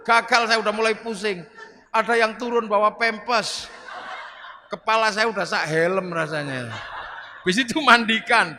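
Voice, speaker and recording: A middle-aged man giving a humorous sermon, telling stories in an animated way and acting out the voices. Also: very high voice. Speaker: preacher. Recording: reverberant hall, faint background noise.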